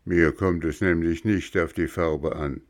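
A man playing an old Saint Nicholas figure, a stern but kind boss who scolds loudly in a storybook. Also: fairly even intonation, unhurried. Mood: grumbling. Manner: booming scolding, then gentle.

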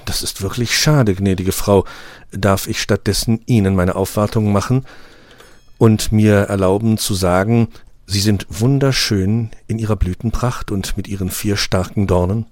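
A man reading an audiobook, voicing a polite male traveler who speaks courteously and comforts gently. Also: fairly low pitch, steady tone, moderate pace, no room sound, natural voice.

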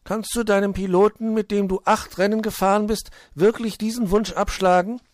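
A man voicing a small, cheeky male bird who chirps, pleads and whines in a high voice. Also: steady tone, moderate pace, dry recording, clean studio sound, natural voice. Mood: coaxing.

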